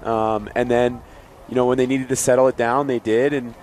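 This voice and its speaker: Mid-pitched male analyst, halting delivery with lots of ums, faint outdoor noise. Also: flat delivery, darkish tone. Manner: hesitant, filler-heavy analysis. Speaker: color analyst. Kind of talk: live sports color commentary.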